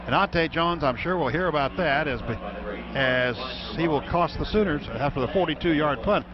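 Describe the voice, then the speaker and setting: This radio announcer, a man with a fairly high voice, delivers live football play-by-play at a normal speed from the stadium booth. Crowd noise comes through, and the broadcast audio is dull and noisy.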